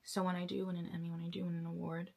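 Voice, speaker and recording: A young woman vlogger and actress talking candidly in a casual confessional vlog, chatty and weary, sometimes dropping to a soft whisper. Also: on the low side, monotone, racing, vocal fry. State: tired.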